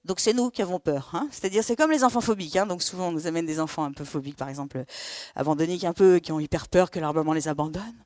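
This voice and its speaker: A middle-aged woman from France, a therapist, telling lively stories to an audience and acting out the dialogue. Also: fairly low pitch, no room sound, studio quality. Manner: lively, acts out dialogue with quick asides. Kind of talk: storytelling talk to an audience.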